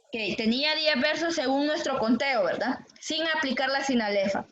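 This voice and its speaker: High-voiced teacher in an echoey classroom. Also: female voice, normal speed, a bit bright, a little hiss or hum. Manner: patient, asks the class questions and repeats answers. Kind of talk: classroom lesson on poetic meter. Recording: echoey classroom, dull lo-fi sound.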